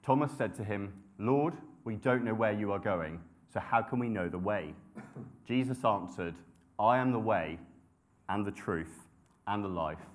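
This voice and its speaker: A young adult preacher who grew up in Nepal and the UK delivers a sermon conversationally and self-deprecatingly, with frequent ums and restarts. His voice is fairly low, expressive and unhurried.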